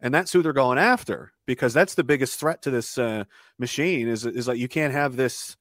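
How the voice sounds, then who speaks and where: A man's voice: medium pitch, moderate pace, a bit bright, no echo, studio quality. A man talking as a podcast guest in a casual, rambling way, often restarting phrases and chuckling between thoughts. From Canada.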